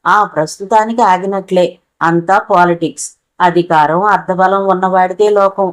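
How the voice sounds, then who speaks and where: A woman's voice: lowish voice, fairly even intonation, moderate pace, natural voice. A woman voicing a middle-aged male schoolteacher, wry and matter-of-fact.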